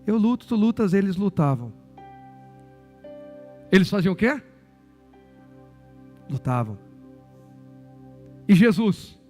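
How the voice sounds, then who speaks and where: A man's voice: sits high, very animated, takes it slowly, pauses often, dark tone, soft background music. A man with a Brazilian Portuguese accent, a pastor preaching a sermon in church, often asking the congregation questions, repeating their answers and adding joking asides.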